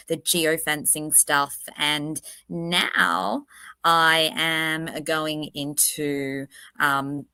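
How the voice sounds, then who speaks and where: Hosting a true crime livestream indoors at her workplace, a woman chats casually, enthusiastic and self-deprecating despite a voice made croaky by a virus. It sounds deep yet pushed and bright, with no echo.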